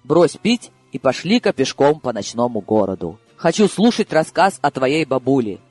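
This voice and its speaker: Man voicing a calm, wry older man. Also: medium pitch, dry recording, soft background music. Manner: unhurried, dry and gently mocking. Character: calm, ironic older man, fond drinker. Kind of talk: audiobook character reading.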